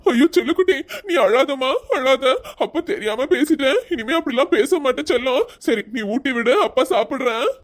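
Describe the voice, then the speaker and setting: A woman's voice: sits high, animated, moderate pace, few pauses. Woman voicing a sobbing, remorseful young father. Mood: doting. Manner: sobbing, pleading, doting. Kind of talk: cartoon voice acting.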